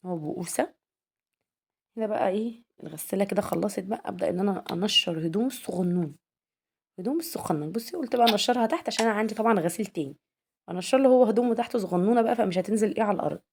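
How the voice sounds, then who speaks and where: Very fast and warm, slightly rough, with a medium pitch: that's the voice of this young homemaker vlogger with an Egyptian accent. She chats casually in her home vlog, addressing viewers as girls and asking their thoughts.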